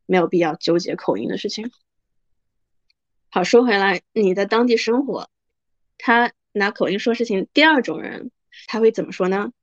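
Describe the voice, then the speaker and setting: A woman's voice: medium pitch, no room sound, lo-fi sound. A young adult woman hosting a podcast, giving frank, chatty advice and acting out what other people say. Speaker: podcast host. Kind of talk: casual advice monologue.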